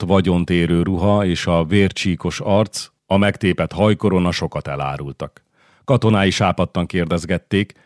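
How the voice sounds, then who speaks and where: A man reading a historical novel aloud as audiobook narrator, with steady, measured storytelling. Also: sits low, no room sound, studio quality.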